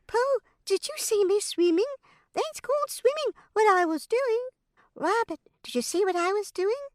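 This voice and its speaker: A woman voicing a tiny, excited baby kangaroo boy in a full-cast audiobook, with a squeaky, boastful voice. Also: slow pace, no room sound, clean studio sound, exaggerated voice.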